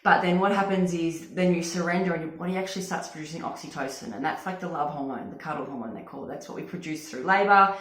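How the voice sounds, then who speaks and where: A woman's voice: sits low, fast talker, hardly any pauses, a bit bright. A woman talking casually and effusively as a wellness coach, giving an informal personal testimonial. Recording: echoey room.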